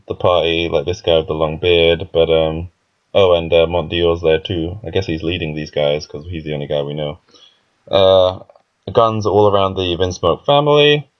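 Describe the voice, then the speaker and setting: A young man casually reviewing a comic chapter, rambling with frequent fillers and laughs. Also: deep voice. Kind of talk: casual commentary. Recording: dull lo-fi recording.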